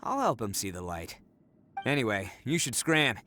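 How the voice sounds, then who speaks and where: A man's voice: fairly low pitch, big pitch swings, moderate pace, sharp tone, slight background noise. An actor playing a brash, cocky, big-hearted male oni hero in an anime game, with boastful slangy delivery. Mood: reassuring.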